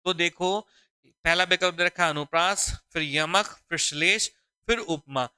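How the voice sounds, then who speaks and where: A man with a very bright, crisp, high-set voice teaches an exam-prep grammar lesson. He talks in a deliberate, drawn-out way and keeps asking the class questions and answering them himself. The sound is close and dry. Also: dry recording. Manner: repeats questions to students, calling them "beta" and "bachchon". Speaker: Hindi teacher.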